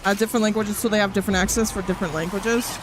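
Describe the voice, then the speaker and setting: A woman streaming as a VTuber chats casually and reacts to her chat while playing a game, her mid-range voice moving very fast. She's animated and sometimes bursts into outbursts. Game music plays over a noisy background.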